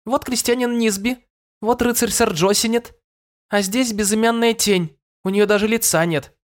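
A man's voice: high voice, fairly even intonation, normal speed, pitched above the performer's own voice, close to an everyday voice. A man putting on a headstrong young girl. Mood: insistent. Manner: insistent, blunt. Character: headstrong girl demanding to know her father.

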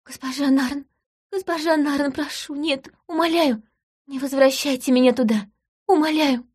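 A woman voicing a frightened young embroiderer who stammers and speaks haltingly, read as audiobook dialogue. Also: on the high side, lively intonation, mellow, husky. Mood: pleading.

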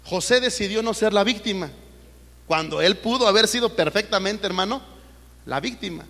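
A man's voice: sits high, moderate pace, a bit bright. A man preaching a sermon in church. He asks the congregation rhetorical questions and keeps calling them brother. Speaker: pastor. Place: church sanctuary. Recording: long church hall reverb.

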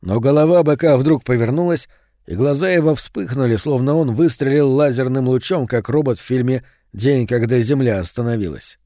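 Мужчина читает аудиокнигу ровным повествовательным голосом средней высоты. Запись сухая, близкая, без отзвука комнаты. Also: male voice, mid-range voice, fairly quick, dry recording, studio quality. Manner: steady storytelling. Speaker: audiobook narrator. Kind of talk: scripted audiobook narration.

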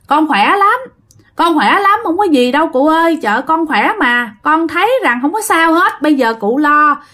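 A woman's voice: high voice, expressive, normal speed, sharp tone, pitched above the performer's own voice. A woman voicing a carefree middle-aged village man who brushes off worries. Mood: cheerful. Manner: breezy, dismissive reassurance.

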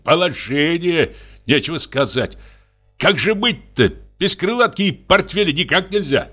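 A man's voice: on the high side, lively intonation, a little slow, bright, forceful tone, soft background music, pitched above the performer's own voice, exaggerated voice. A man reading aloud and voicing a tipsy, worn-out husband who coaxes, curses and frets. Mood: flustered, frantic. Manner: wheedling, then cursing and exasperated. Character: tipsy, exhausted middle-aged husband, fussy and pleading.

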